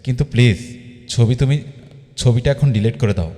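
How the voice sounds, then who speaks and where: A flustered young husband who pleads and gets exasperated, as a man acts him out in a fan dub. His tone is mellow and dark. A long reverb hangs behind him. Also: mid-range voice, normal speed, natural voice. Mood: pleading.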